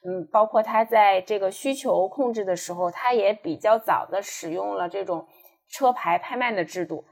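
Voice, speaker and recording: A woman talks through her ideas in a relaxed group conversation, pausing often and restarting her sentences. Her voice sits at an ordinary middle pitch, and she speaks like an informed guest sharing a view. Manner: thoughtful, many fillers and restarts. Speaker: podcast guest, transport specialist. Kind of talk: casual panel discussion.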